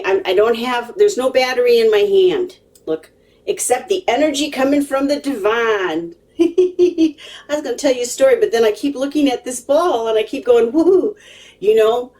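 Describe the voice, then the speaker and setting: Speaking to viewers from a distant mic, a woman with a medium-pitched, dark-toned voice tells a story in a casual, animated way. She's chatty and emphatic, drifts into digressions, and keeps checking in with her listeners.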